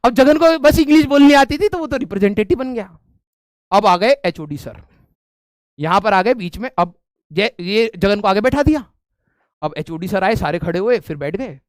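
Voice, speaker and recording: A young man casually telling a story to his viewers, animated and often saying "ठीक है". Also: high voice, normal speed, no echo, studio quality.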